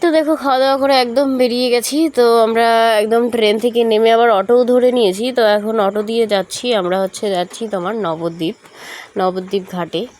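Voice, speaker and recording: A young vlogger from West Bengal, India, narrates a casual travel vlog, speaking directly to viewers in a chatty way with many fillers and self-corrections. Her voice is a little high and darkish, steady in tone, and a little fast.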